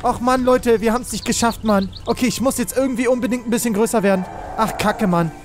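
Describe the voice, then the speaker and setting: Ein Mann, der aufgeregt ein Spiel kommentiert, in Panik ruft und fleht und viel Jugendslang benutzt. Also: male voice, very high-pitched, quick pace, music in the background. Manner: excitable, shouts and pleads in panic, youth slang. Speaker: let's play host. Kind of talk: excited gaming commentary.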